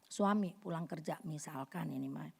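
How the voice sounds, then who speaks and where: A woman's voice: moderate pace, creaky, breathy edge. A middle-aged woman giving a casual sermon at a women's fellowship, telling anecdotes and acting out voices in them. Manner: lively storytelling, acts out voices with big pitch jumps.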